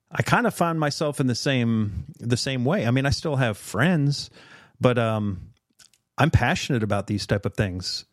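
Middle-aged guy hosting a podcast, kinda low voice, earnest, lots of uhs, dead dry sound. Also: no echo. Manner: earnest, reflective, with many fillers. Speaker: podcast host. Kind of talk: casual conversation.

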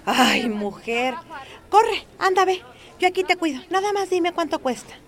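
A woman voicing a bossy but caring middle-aged market-stall woman who talks loudly and urgently. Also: extremely high pitch, expressive, unhurried, voice pushed up, heavily acted. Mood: urging. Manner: loud, urgent, fussing.

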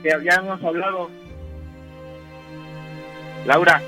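A man's voice: fairly high pitch, steady tone, takes it slowly, music in the background. A man playing a possessive young boyfriend in a radio prank call, curt and snapping. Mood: impatient.

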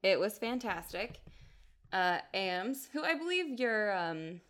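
Podcast cohost lady, chatty, pokes fun at herself, laughs a lot, mid pitch. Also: sing-song, takes it slowly, a bit bright. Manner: chatty, self-mocking, laughs often. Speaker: podcast co-host. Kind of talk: casual chat.

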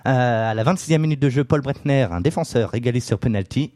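A man's voice: medium pitch, fairly quick, warm tone, dry recording, clean studio sound. A man on a casual podcast, telling football history in a loose storytelling way, with many fillers and jokes. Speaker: podcast co-host.

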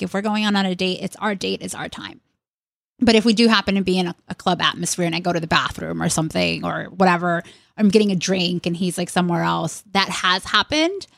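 A woman's voice: medium pitch, fairly bright tone, no echo, clean studio sound. A woman co-hosting a podcast, talking frankly and chattily about her relationship. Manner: frank and candid, chatty, laughs easily. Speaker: podcast co-host. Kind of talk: casual chat.

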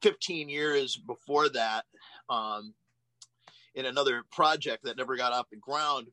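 A man's voice: mid-range voice, fairly even intonation, unhurried, pushed and bright, dry recording. A man, a songwriter, reminiscing in an interview, rambling with lots of fillers and casual swearing. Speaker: band songwriter.

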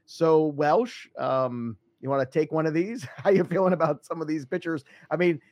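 A man's voice: on the high side, steady tone, moderate pace, a little mellow, no room sound. A man hosting a casual podcast chat, leading the questions in a conversational way. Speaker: podcast host.

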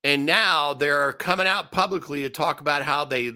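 A man's voice: on the high side, moderate pace, bright, forceful tone. A man hosting a solo commentary show, ranting with sarcastic, mocking asides.

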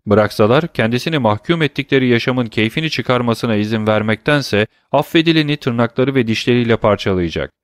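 A man's voice: medium pitch, a little fast, few pauses, clear, resonant tone, no room sound, studio quality, lightly acted. A man reading the part of a cold, sardonic aristocratic count who mocks mankind in a raised, emphatic voice. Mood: scornful.

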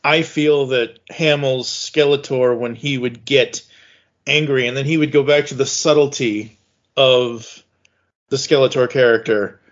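A man co-hosting a podcast, speaking in a deliberate, critical way and searching for words. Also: mid-range voice, fairly even intonation. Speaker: podcast co-host. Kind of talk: casual podcast chat. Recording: dull lo-fi podcast audio.

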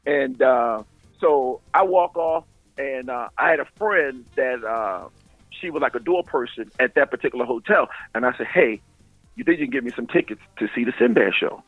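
A middle-aged man, a stand-up comedian, telling stories in casual animated chat, laughing often and talking in loose street slang. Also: mid-range voice, normal speed, no echo, faint music behind. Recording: phone-like radio line.

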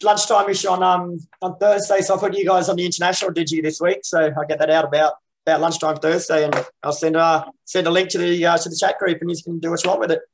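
Aussie bloke host, talks quick and high, matey casual interview chat, bit sweary. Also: male voice, little pitch movement, slight background noise, poor audio.

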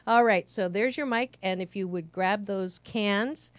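A woman's voice: medium pitch, a little slow, dry recording. Bubbly effusive woman talk show host. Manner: bubbly, effusive, laughs often. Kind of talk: casual interview chat.

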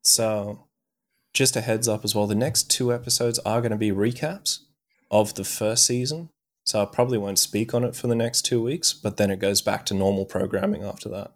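Casual swearing podcast co-host, lowish voice. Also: male voice, moderate pace. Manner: swears freely, loose storytelling with many fillers. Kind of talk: casual chat, retelling an anime plot.

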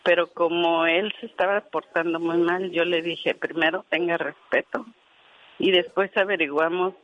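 A woman's voice: on the low side, steady tone, moderate pace, highs cut off. A woman who once worked as a hospital nurse is a guest on a radio talk show. She tells her story earnestly and vividly, voicing the people in it as she goes. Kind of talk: casual radio chat, telling a story.

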